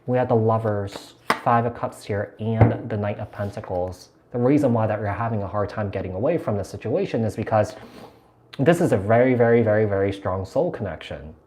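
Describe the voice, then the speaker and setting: A man's voice: fairly low pitch, a little fast, a little mellow, slight background noise. A man from the United States giving a live tarot reading, talking in a chatty, meandering way with lots of fillers and repeated words. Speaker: tarot reader.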